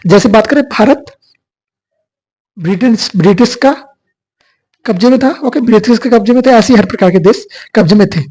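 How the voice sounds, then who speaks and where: A man with a high, darkish voice lectures at a moderate pace with long pauses, recorded in low quality. As an exam coaching teacher, he asks questions and answers them himself in a repetitive call-and-response manner.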